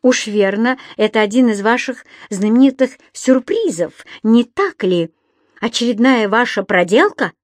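A woman voicing a stern middle-aged landlady who scolds with shrill outbursts. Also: expressive, a little slow, dry recording, studio quality. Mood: furious.

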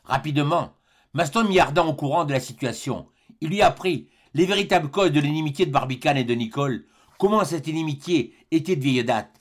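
A man reading a classic adventure novel aloud in a measured, dramatic storybook narration. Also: on the high side. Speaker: audiobook reader.

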